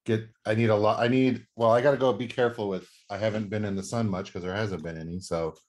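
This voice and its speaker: Chatty man with a lowish voice. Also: steady tone, quick pace, darkish tone. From Pacific Northwest. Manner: chatty, full of "like" fillers and quoted asides. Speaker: podcast co-host. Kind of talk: casual chat.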